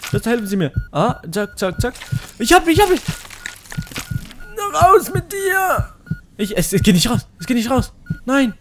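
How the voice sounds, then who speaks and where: A young man's let's-play commentary, high-pitched and full of big leaps in pitch. He talks in a frantic rush, yelling and pleading at the game. Faint music plays under his voice. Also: very animated, fairly quick. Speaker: gaming YouTuber.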